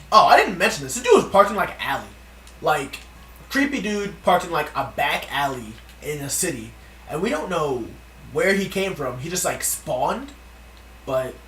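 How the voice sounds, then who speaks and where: A man's voice: a little high, fairly bright tone, slight background noise. A man telling a story in a casual, profane, ranting vlog. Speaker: vlogger. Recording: echoey room from a distance.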